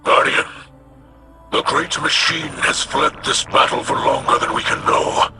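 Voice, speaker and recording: Over background music, a man voices a solemn, stoic alien warrior leader in a video game, using formal, reverent, weighty phrasing. His voice sits a little high, and his delivery is flat, a little slow, and only lightly acted.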